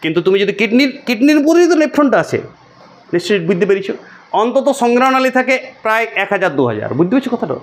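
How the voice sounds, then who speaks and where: High-pitched male tutor, patient lesson delivery, repeats terms, checks understanding often. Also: very animated, racing. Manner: asks listeners frequent check questions; repeats key terms for drilling. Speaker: biology teacher. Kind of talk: explaining a lesson while drawing.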